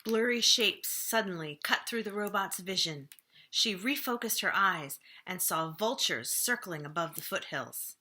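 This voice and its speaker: A woman of medium pitch reads a children's story aloud with a librarian's expressiveness. She pauses dramatically and lets her phrasing grow slower and softer to build suspense.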